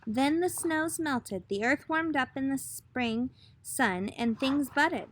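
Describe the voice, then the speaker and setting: Over faint background noise, a high-voiced woman performs a picture-book read-aloud for children in a teacherly style. Her delivery is expressive, and she stops now and then to put questions to the young audience.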